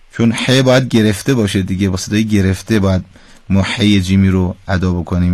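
A man's voice: deep voice, a little mellow, no room sound. Patient man teaching radio recitation. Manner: patient, corrects pronunciation precisely. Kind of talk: call-in radio lesson.

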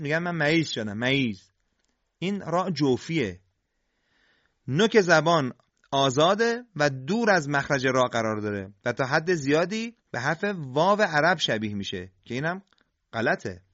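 A man with a slightly high voice gives a deliberate, step-by-step pronunciation lesson and pauses to sound out each letter. The recording is dry and a little dull and lo-fi. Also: a bit bright, no echo. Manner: slow, deliberate, demonstrates sounds. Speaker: Quran recitation teacher. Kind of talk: scripted instructional lesson on tajweed.

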